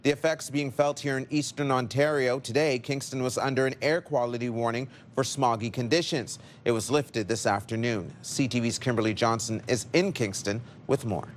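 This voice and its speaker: A man's voice: medium pitch, fairly even intonation, normal speed, hardly any pauses, slight background noise. A man with a Canadian accent reading scripted news as an anchor.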